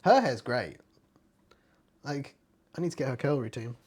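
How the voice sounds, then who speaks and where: A young man in his twenties, co-hosting a casual watch-along stream, chatty and quick to laugh, with some swearing. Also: mid-range voice, expressive, a little mellow, breathy edge. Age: 20s. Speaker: stream co-host.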